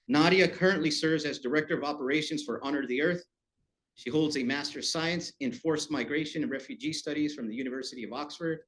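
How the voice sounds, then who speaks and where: A man hosting a college talk, introducing the guest speaker in a warm, slightly halting way in a lecture room. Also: medium pitch. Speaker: event host introducing the speaker.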